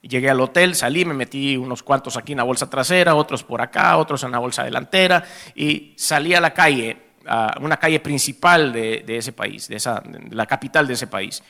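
A man with a Salvadoran accent preaching a testimony sermon, telling a story in lively fashion and addressing the congregation as brothers. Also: mid-range voice, brisk, gravelly.

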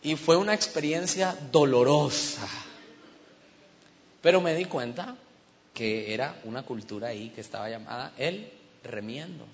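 A man's voice: medium pitch, animated, a little slow, pauses often. A man from Colombia, preaching a sermon as humorous storytelling and asking the congregation questions. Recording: dull sound with long hall reverb.

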